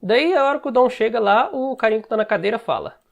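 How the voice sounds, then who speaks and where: A man's voice: very high-pitched, expressive, quick pace, creaky. A Brazilian man teaching English in a casual lesson, explaining step by step and often checking in with short asides. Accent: Brazilian Portuguese. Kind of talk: casual screen-share lesson.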